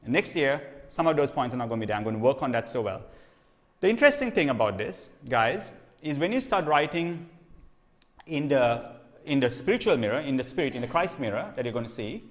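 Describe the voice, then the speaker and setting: In a hall with long reverb, a man delivers sermon teaching at a brisk pace, his mid-range voice swinging widely in pitch. His style is conversational, with frequent "okay?" check-ins and phrases he repeats or starts over.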